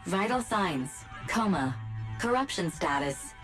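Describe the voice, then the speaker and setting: Gentle care robot. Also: female voice, fairly low pitch, takes it slowly, exaggerated voice. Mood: calm. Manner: even, polite, announcing readouts. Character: calm gentle female rescue AI assistant. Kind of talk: video game voice acting. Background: game music.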